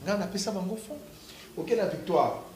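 A man giving political opinions in an impassioned interview, repeating words for emphasis and bursting into shouts. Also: high-pitched, lively intonation, moderate pace, echoey room, a little hiss or hum.

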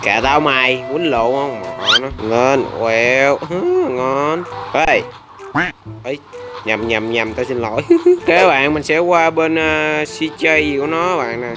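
Excitable man gaming. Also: medium pitch, slow pace, music in the background. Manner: excitable, swears and laughs often, reacts loudly to the game. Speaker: gaming channel host. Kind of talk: casual gameplay commentary.

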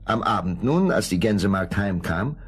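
A man narrating a fairy tale in an expressive storytelling style. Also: lowish voice, moderate pace, husky.

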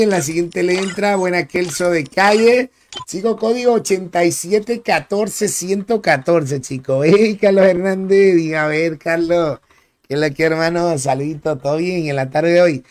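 A young man with a Dominican Spanish accent streaming a game, casually chatting with viewers in slang and greeting them by name. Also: high voice. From Dominican Republic. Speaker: gaming streamer. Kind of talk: live gameplay commentary chatting with viewers.

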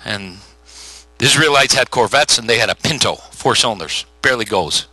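A middle-aged male pastor preaching a sermon, telling the story with lively acted-out voices. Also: mid-range voice, fairly quick, dry recording, rough recording. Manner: animated storytelling with voiced characters.

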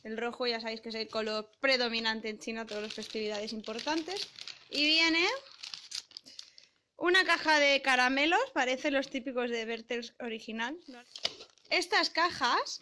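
A woman's voice: sits high, sharp tone, a little hiss or hum. A young woman chatting cheerfully to a handheld camera at arm's length in her small apartment, explaining what she is showing. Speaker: vlogger. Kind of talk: casual vlog chat to camera. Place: small apartment kitchen and room indoors.

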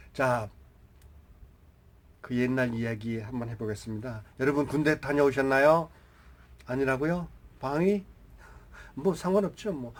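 An older man in his seventies reminisces in a loose, chatty monologue, turning to address his viewers as he goes. His voice sits a little higher than most men's, and he wanders off into rambling asides. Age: 70s. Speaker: YouTube storyteller.

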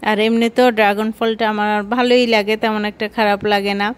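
A woman's voice: medium pitch, level tone, fairly quick, over loud music. A woman with a Bangladeshi accent giving casual vlog narration. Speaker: vlogger.

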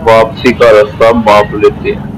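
A man slowly narrating a casual vlog outdoors beside a flooded road, marveling at the scene. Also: fairly low pitch, monotone, slight background noise, rough recording. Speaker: vlogger narrating.

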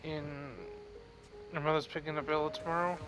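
A man talking casually with a friend while they play a game together, making short low-key remarks. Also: little pitch movement, a little fast, low-quality recording. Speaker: co-op gaming partner. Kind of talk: casual chat while gaming. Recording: game music over the voice.

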